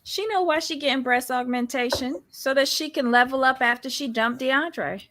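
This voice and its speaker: A woman's voice: high voice, normal speed, a bit bright. A woman co-hosting a reality-show recap, talking bluntly and sassily with exasperated reactions. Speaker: podcast co-host reviewing a reality show. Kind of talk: casual commentary chat.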